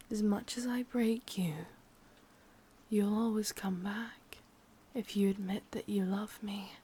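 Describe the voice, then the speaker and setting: In a whispered ASMR roleplay, a woman with an English accent plays a sadistic, possessive witch, sounding breathy, teasing, and menacingly sweet. Her mid-range voice has a dark tone and is heavily acted, carrying a cruel, possessive mood.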